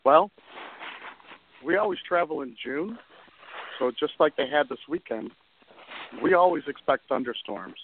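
A man's voice: fairly high pitch, animated, a little slow, pauses often. A man speaks over a crackly, staticky call that keeps fading in and out, the sound squeezed thin like an old phone line. He talks casually and plainly, handing out practical tips as a panelist on a chat show. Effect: crackly, staticky call line that fades in and out. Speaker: podcast panelist.

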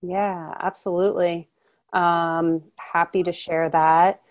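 A woman originally from Ukraine speaks as a podcast guest, earnest and reflective, pausing often. Her voice sits low for a woman. The sound is dry and close, with no room echo. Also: little pitch movement, lo-fi sound. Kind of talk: conversational interview.

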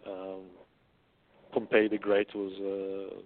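A male author speaking as a guest in a casual interview, thoughtful and explanatory, pausing often as he works through his points. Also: low-pitched, completely flat delivery. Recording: dry, phone-like line.

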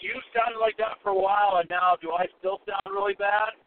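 A podcast guest calls in on speakerphone from inside a rental car, chatting casually and apologizing for the connection. His voice is high-pitched and steady, a little fast, and comes through a tinny phone line with faint noise.

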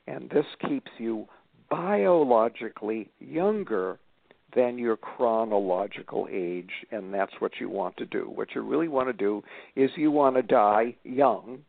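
An older man in his seventies speaks in a gravelly, fry-laden voice over a tinny phone line. His delivery is emphatic but halting, full of restarts and fillers. The sound is dry and close. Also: lowish voice, no echo. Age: 70s. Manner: emphatic, repeats starts, many fillers. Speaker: guest author. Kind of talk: casual interview talk.

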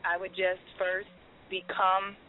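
A woman calling in to a radio show over a phone line, speaking earnestly and encouragingly, with frequent pauses on "um". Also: lowish voice, completely flat delivery, a little hiss or hum. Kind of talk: promotional call-in pitch. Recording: tinny phone-line call.

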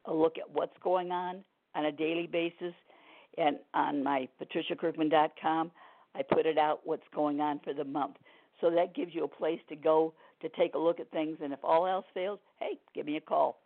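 A woman speaks with a gravelly, smoker-like rasp, her voice hoarse and strained. She talks in a plain, folksy, reassuring way, like a numerologist chatting on the radio. The sound is narrow and thin, as if down a telephone line. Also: deep voice. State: strained, hoarse from throat trouble. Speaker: numerologist guest on a radio show. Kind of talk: casual radio forecast chat.

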